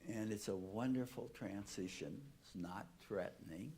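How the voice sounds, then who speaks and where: A man with a low voice speaking as a conference panelist. He speaks very slowly and deliberately, and frames his points as rhetorical questions. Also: warm tone, slight background noise.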